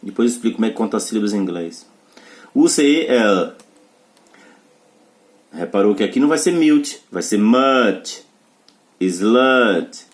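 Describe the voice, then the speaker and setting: A male English teacher gives a pronunciation lesson, explaining the rules step by step and asking short questions to make sure students follow. His voice sits on the low side and is a little mellow.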